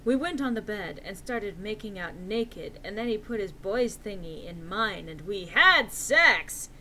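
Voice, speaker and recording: A woman's voice: medium pitch, normal speed, a little hiss or hum, rough recording. A woman giving a dramatic reading of fan fiction with the theatrical delivery of a hammy stage actor. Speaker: reader.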